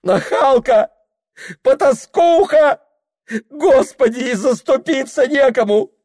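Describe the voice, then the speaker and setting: A man's voice: extremely high pitch, lively intonation, slow pace, darkish tone, voice pushed up, heavily acted. A man voicing a furious mistress of the house who screams insults in an audiobook reading. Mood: furious shrieking. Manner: screaming, outraged.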